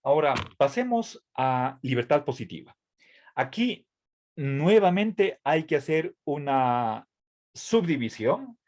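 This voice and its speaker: Slow, hesitant male lecturer. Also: on the high side, big pitch swings, darkish tone. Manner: hesitant, with many fillers and restarts, asks "¿sí?" often; careful, measured explanation. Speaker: university lecturer. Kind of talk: online tutoring lecture.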